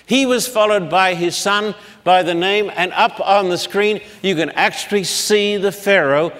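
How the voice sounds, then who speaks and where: Lecturing on the Bible in public with a blackboard, a man with a fairly high, slightly bright voice talks slowly and very deliberately. He splits long names into separate syllables, and a long reverb suggests a large lecture hall.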